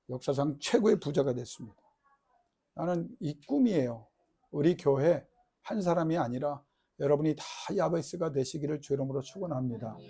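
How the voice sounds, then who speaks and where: A middle-aged male pastor preaching in a high voice. He moves between loud, crying-out prayer and soft, low asides. He keeps asking the congregation questions and has them repeat lines after him. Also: husky. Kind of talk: sermon.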